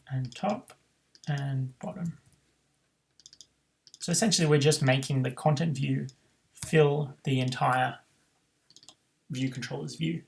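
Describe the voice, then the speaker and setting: Rough audio with slight background noise captures a man teaching code in a screen recording. His voice is on the high side and gravelly, and he thinks aloud, often saying "um" and correcting himself as the programming tutor.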